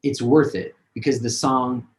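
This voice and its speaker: A man's voice: medium pitch, steady tone, a little slow, poor audio. A man, a singer-songwriter, talking casually and rambling with many fillers in a video-call interview.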